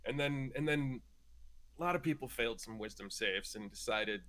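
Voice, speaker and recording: A man's voice: medium pitch, normal speed, a bit bright. A man playing a tabletop role-playing game, chatting cheerfully about the session. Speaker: player. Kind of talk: casual banter at a tabletop game.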